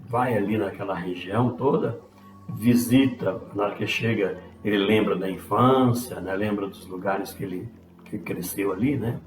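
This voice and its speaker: A man's voice: lowish voice, a little hiss or hum. A man, telling a religious story in a casual lesson, with frequent tag questions and restarts. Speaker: Spiritist study speaker. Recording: roomy echo with faint music.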